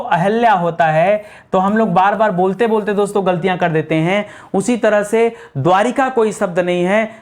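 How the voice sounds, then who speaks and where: A male teacher leads an exam-prep grammar lesson at a whiteboard. He fires rhetorical questions at his students and answers them himself. He stretches out each corrected word slowly and lets his voice sink to close a point. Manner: spells out words slowly, drops low to close each point.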